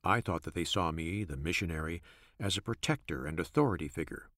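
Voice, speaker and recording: Deep-voiced man reading a memoir. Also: fairly bright tone, no echo, clean studio sound. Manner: measured, reflective. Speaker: narrator. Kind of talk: first-person memoir narration.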